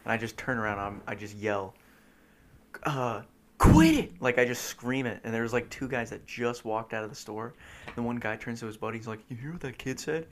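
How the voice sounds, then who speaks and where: A man's voice: lowish voice, level tone, a little fast, a bit bright. A young man co-hosting a casual podcast, rambling through his stories with lots of fillers and laughing as he tells them. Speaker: podcast co-host.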